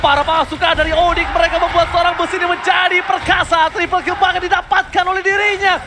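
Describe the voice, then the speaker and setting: An esports caster calling live play-by-play in an excited fighting game announcer style. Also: very high-pitched, fast talker, over a noisy crowd, very noisy.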